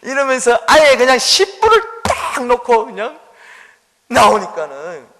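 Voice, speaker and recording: A man's voice: very high voice, a little slow, in a large hall. A male pastor preaching a sermon in a church sanctuary, telling stories vividly and acting out the voices in them. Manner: animated storytelling, acting out quotes.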